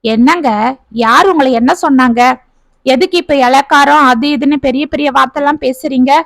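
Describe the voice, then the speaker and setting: A woman voicing a caring older grandmother who calmly reasons with her husband. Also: high voice, normal speed, dry recording. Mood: gentle. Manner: soothing, reasoning gently.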